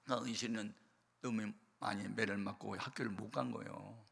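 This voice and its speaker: An older male pastor preaching a sermon, telling a story with emphatic swings from quiet to loud. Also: fairly low pitch, steady tone, fairly quick, creaky, slightly rough. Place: church or prayer hall. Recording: long hall reverb.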